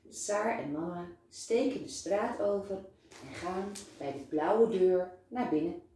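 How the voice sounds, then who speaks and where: A kindergarten teacher, a woman, reads a children's story aloud with a slow, lively rise and fall in her voice. Her tone is mellow and soft. The recording is distant, in a room with a strong echo. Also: on the low side. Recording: very echoey room, voice far from mic.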